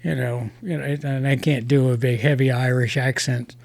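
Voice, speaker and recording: A man hosting a casual review podcast, talking in halting starts with many restarts. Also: medium pitch, fairly even intonation, vocal fry, darkish tone, dry recording.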